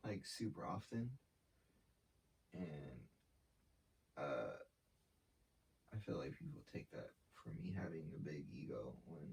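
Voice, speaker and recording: The young man, an artist and brand founder, has a low, slightly mellow voice, and a little hiss or hum sits under the recording. He chats casually in an interview, slangy and laid-back, with swearing and lots of fillers, speaking from a distance off the mic.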